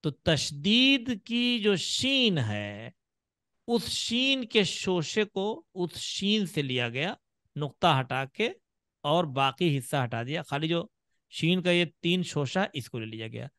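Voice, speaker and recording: A man's voice: fairly high pitch, big pitch swings, slow pace, bright, forceful tone, no room sound, studio quality. A man teaching children to read in an online class, patiently drawing out sounds as he demonstrates them. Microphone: video call.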